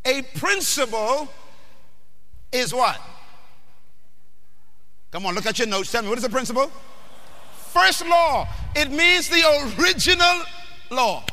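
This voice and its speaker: A man from the Bahamas, preaching a sermon emphatically, questioning the crowd and often shouting. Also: very high voice, lively intonation, a little slow, long pauses. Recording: long hall reverb.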